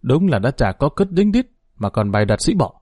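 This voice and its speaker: A man voicing a sharp-tongued young woman, a scornful daughter-in-law who scolds shrilly and cuttingly in a dramatized story reading. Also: medium pitch, very animated, a little fast, breathy edge, no echo, clean studio sound.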